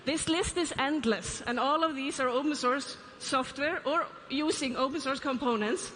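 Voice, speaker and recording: At a moderate pace, a woman with an Icelandic accent speaks in a high, fairly bright voice as the keynote CEO on a large conference stage. She engages listeners with questions and light asides. Slight background noise, reverberant hall, faint ambience.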